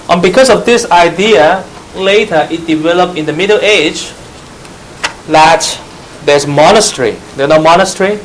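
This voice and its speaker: Man teaching church history, slightly high voice. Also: slight background noise, rough recording. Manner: spells out terms letter by letter and quizzes listeners; glosses terms in Chinese. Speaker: Bible teacher.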